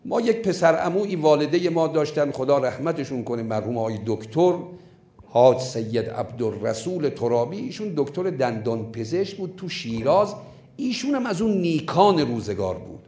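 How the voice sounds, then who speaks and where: Male preacher, emphatic storyteller with a lively pitch, recorded in an echoey room. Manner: animated, emphatic storyteller, slowing down for key points. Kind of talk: sermon storytelling.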